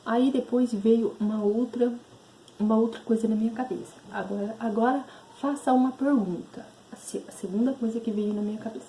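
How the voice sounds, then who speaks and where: A woman's voice: a little high, little pitch movement, fairly quick, dark tone, slight background noise, rough recording. A woman, telling a personal spiritual story in a rambling, self-correcting way. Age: 30s. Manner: rambling, self-correcting, re-enacts inner voices. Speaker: spiritual channel host.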